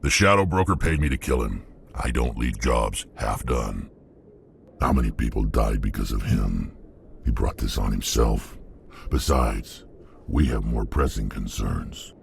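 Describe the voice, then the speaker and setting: An actor playing a blunt, ruthless alien mercenary in a video game, with a deep gravelly growl. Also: male voice, expressive, measured pace, background noise, exaggerated voice. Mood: grim, unrepentant. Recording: game music behind. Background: music.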